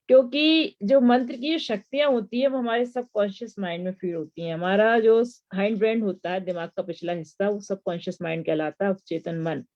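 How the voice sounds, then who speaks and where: Woman teaching mantras, lo-fi sound. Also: medium pitch. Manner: explanatory, rhetorical questions. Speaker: religious teacher. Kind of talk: devotional lesson on mantras.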